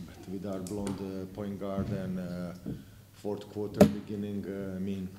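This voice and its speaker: Speaking at a measured pace, the middle-aged visiting coach responds to post-game press questions with a deep monotone and blunt talk about the turnovers. Frustration shows, and he stops to correct himself. He's on a table mic in a press room with a sponsor backdrop, where the recording echoes and background noise intrudes.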